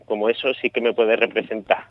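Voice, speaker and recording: A painter from El Puerto de Santa María, Spain, speaks with an Andalusian accent in a radio interview, chatting loosely with many restarts and fillers. His voice sits on the low side, with a level tone and fairly quick pace, heard with phone-quality sound and no room sound.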